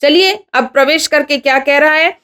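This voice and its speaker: High-voiced woman teaching a lesson. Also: steady tone, a bit bright. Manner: reads each Sanskrit phrase slowly, then explains it with questions to students. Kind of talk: Sanskrit lesson explained in Hindi.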